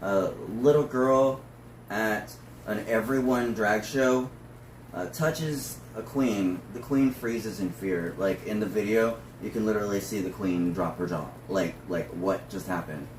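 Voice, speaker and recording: Guy with a lowish voice, drag performer talking casually, roomy sound, faint noise behind. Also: unhurried, far from the mic. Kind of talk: casual discussion, reading from notes.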